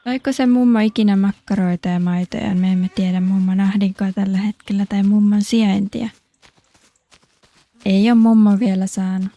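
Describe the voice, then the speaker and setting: Playful woman streamer, mellow dry voice. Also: mid-range voice, fairly even intonation, dry recording. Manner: playful, jokey, chatty. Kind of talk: casual game commentary.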